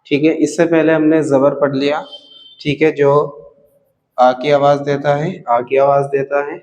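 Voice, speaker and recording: Slow, patient male language teacher. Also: on the high side, little pitch movement, darkish tone, highs cut off. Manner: drills each sound, repeats it and asks it back. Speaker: Urdu reading teacher. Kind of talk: slow, patient letter-by-letter lesson.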